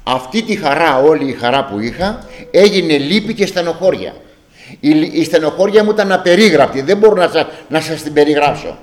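An older man telling a personal story from his years working on a ship, acting out each exchange of dialogue with a repeated "I say". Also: a little high. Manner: animated, acts out dialogue with repeated "I say". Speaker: storyteller recalling life at sea.

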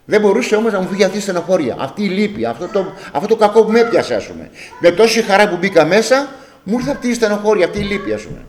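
A man's voice: sits high, slight background noise. An older man telling a personal story from his years working on a ship, acting out each exchange of dialogue with a repeated "I say". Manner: animated, acts out dialogue with repeated "I say". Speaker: storyteller recalling life at sea.

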